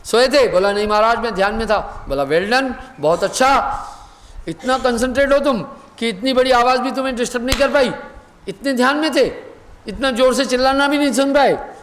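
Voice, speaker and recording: High-voiced man preaching in a hall. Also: a bit bright, slight background noise. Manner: storytelling, acts out dialogue, slow recited verse. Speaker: spiritual teacher. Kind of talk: sermon with a told parable.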